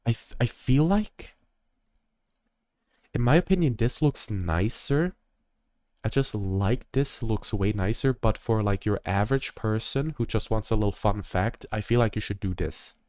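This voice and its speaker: A man's voice: on the low side, animated, measured pace, darkish tone, dry recording, clean studio sound. A young man streaming a strategy game, rambling and jokey in casual commentary, full of fillers.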